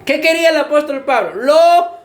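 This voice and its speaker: A man's voice: very high voice, expressive, normal speed, a little mellow, slight background noise. A man preaching a sermon as pastor, often addressing his congregation as beloved brothers and putting questions to them. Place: church.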